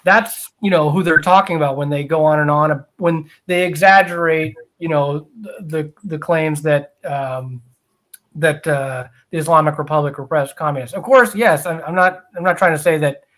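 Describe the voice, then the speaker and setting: A man co-hosting a podcast, talking in a hesitant way with frequent pauses and restarts. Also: on the high side, a bit bright. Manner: hesitant, many fillers and restarts. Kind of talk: casual podcast talk.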